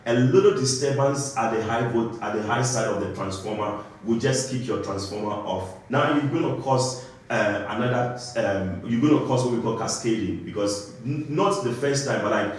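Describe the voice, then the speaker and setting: A man's voice: medium pitch, moderate pace, a little hiss or hum. Ghanaian man explaining, echoey room. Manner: explanatory, keeps checking in with "right?". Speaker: guest, compliance engineer. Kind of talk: explaining a technical topic in conversation.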